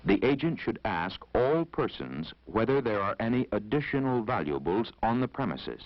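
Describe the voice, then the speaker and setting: This is instructional-film narration by an American man, formal, measured, and authoritative, set to a vintage 1970s soundtrack. His lowish voice swings widely in pitch, and the dull audio carries no echo.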